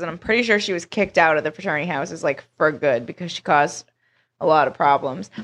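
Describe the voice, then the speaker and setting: A woman's voice: medium pitch, fairly bright tone. Tipsy, giggly woman telling stories. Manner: loose, giggly, profane storytelling. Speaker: podcast co-host. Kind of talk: casual chat.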